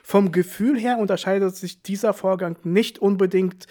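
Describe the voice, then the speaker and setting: A man's voice: high voice, fairly even intonation, moderate pace, mellow. A young man co-hosting a podcast, chatting casually and telling wry anecdotes, often laughing. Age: young adult. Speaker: podcast co-host. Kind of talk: casual chat.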